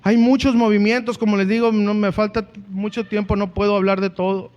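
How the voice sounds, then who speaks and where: A man's voice: high voice, little pitch movement, brisk, darkish tone, muffled recording. A man with a Mexican Spanish accent preaching a sermon earnestly as a pastor, often calling out to the congregation.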